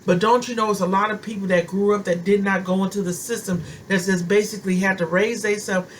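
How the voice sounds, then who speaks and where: A woman's voice: mid-range voice, steady tone, fairly quick, a little hiss or hum, low-quality recording. Fervent woman preaching in plain talk. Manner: fervent, conversational, repeats phrases for emphasis. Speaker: preacher and self-styled prophetess. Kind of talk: informal sermon, speaking to viewers.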